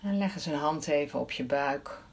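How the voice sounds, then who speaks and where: A woman leading a guided breathing meditation in a soft, soothing voice, counting the breaths aloud. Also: deep voice, moderate pace, breathy edge.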